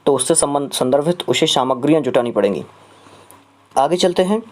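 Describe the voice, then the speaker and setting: A man teaching an exam prep lesson with a voice pitched a little above the usual for a man. He walks through each question step by step and repeats it back. He hesitates on drawn-out filler sounds between phrases. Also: lively intonation, darkish tone.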